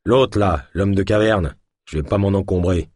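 Coarse, threatening backwoods hunter, low and husky, read by a male narrator, dry close sound. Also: darkish tone, no room sound. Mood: mocking. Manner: slow, crude, threatening. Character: bearded hunter, gruff, menacing, coarse. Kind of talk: audiobook character voice.

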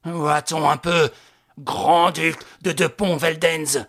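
A man voicing a raging, mocking gentleman thief in an audiobook, shouting and laughing with scorn. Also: fairly high pitch, fairly even intonation, slow pace, voice pushed up, full character voice. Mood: sneering. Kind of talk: audiobook character voice.

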